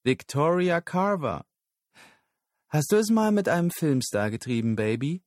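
A woman's voice: deep voice, lively intonation, a little slow, a little mellow, dry recording, clean studio sound, pitched above the performer's own voice. A man voicing a brash, teasing young female street hustler in an audiobook. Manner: teasing, brassy, scornful.

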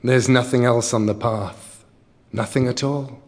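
A huge hungry troll whispers each word slowly and low, all threat and appetite, as a man puts him on. The voice is airy and unhurried, never rising, creeping through a storybook reading. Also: fairly even intonation, close to an everyday voice. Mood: taunting. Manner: slow, menacing.

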